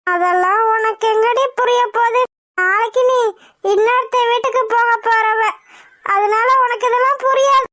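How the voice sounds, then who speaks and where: A woman voicing a sharp-tongued old grandmother in a cartoon, teasing and scolding. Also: very high voice, steady tone, moderate pace, no room sound, studio quality. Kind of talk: cartoon voice acting.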